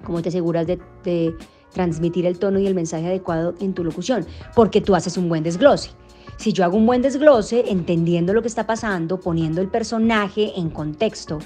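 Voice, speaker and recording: A woman's voice: lowish voice, mellow. A young adult woman from Colombia, a voice actor and singer, answering interview questions thoughtfully with frequent restarts and fillers.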